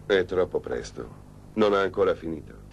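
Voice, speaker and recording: A man voicing a calm, reasoning father who gently cautions his daughter, in a dubbed telenovela. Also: sits low, moderate pace, gravelly, dull audio, a little hiss or hum. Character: patient, worried middle-aged father.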